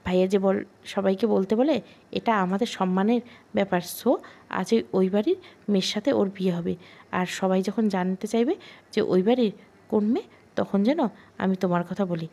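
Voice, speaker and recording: A chatty, outspoken young sister-in-law in an audio storybook, read by a woman. She speaks frankly and quickly gets to the point. The voice stays mellow and dark. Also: medium pitch, creaky.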